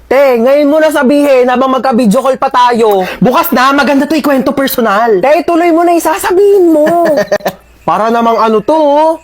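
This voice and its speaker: A speaker in a comedy skit, gossiping with a friend in lively banter. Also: high-pitched, moderate pace. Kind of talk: casual comedy skit chat between friends.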